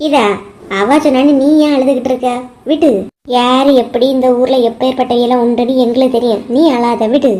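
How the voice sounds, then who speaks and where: A woman voicing a blunt, sharp-tongued village woman in a cartoon, with a Kanyakumari Tamil accent and blunt, scolding retorts. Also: high voice, flat delivery, a little fast, natural voice. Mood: soothing. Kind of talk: cartoon voice acting.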